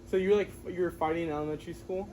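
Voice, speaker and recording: A man hosting a casual interview, easygoing and chatty, often nodding along with quiet "mm-hmm"s. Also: sits high, fairly even intonation, fast talker, rough recording. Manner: easygoing, frequent "mm-hmm" listening sounds. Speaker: interviewer, channel host.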